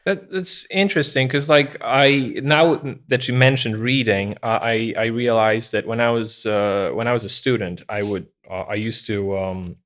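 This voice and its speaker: Man, halting restarts. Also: mid-range voice, fairly even intonation, fairly bright tone. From Poland. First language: Polish. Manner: hesitant, many restarts and fillers. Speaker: podcast guest. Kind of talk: casual interview chat.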